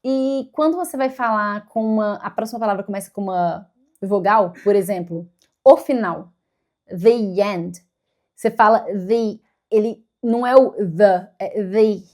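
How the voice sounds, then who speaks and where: A woman's voice: mid-range voice, normal speed, darkish tone. A Brazilian woman talking casually to camera about learning English, thinking aloud as she explains step by step. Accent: Brazilian Portuguese.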